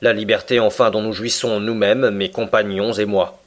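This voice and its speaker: A man's voice: lowish voice, flat delivery, close to an everyday voice. Man reading as a cold, grave sea captain. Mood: stern. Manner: measured, grave, unyielding. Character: cold, stern middle-aged male submarine captain. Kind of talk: audiobook reading.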